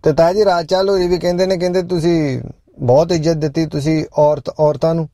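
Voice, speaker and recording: A middle-aged man hosting a live show, chatting loudly and jokily with listeners and preaching a little between songs. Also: on the high side, little pitch movement, fast, dry recording, clean studio sound. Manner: loud, preachy, jokey, talks directly to listeners. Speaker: show host.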